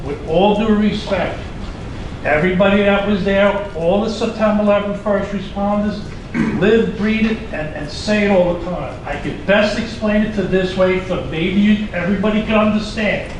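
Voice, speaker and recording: A middle-aged American man in the audience asks an emotional question from the floor of a symposium, sounding fired up and halting in a high voice. He rambles and repeats himself passionately. He's far off in a large, echoey conference hall, with background noise.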